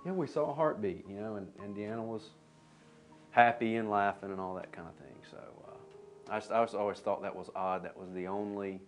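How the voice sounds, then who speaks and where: A man sharing an earnest personal testimony, halting and restarting as he goes. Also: lowish voice, little pitch movement, soft background music.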